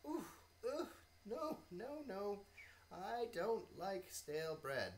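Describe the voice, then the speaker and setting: A woman voicing a small, hungry, polite bee with a squeaky, excitable voice for children. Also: takes it slowly, slight background noise. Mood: eager. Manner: squeaky, excited, shrill when shocked.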